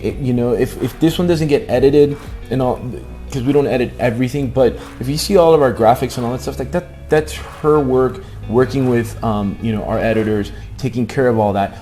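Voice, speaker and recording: A middle-aged man hosts a casual vlog chat for a couple's book-review channel, speaking emphatically and often restating his points. His mid-range voice is warm and a little fast, with faint music in the background.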